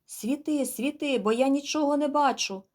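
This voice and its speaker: A woman voicing a rough man on a coal barge who shouts up to the wheelhouse in a storybook reading. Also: sits high, moderate pace, voice pushed up, lightly acted. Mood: shouting. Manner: shouting over engine noise.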